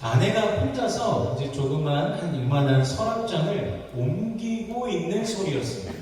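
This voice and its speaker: A man's voice: a little high, sing-song, moderate pace. A male pastor telling a playful, self-mocking story during a sermon in a church sanctuary. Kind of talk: sermon with live interpretation. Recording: echoey church hall from far off.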